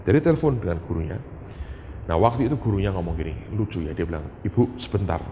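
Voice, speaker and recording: A middle-aged male pastor, preaching in a lively, conversational way and often turning to the congregation. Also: low-pitched, fast. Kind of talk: sermon with told prayers and anecdotes. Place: church hall. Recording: reverberant hall, faint room noise.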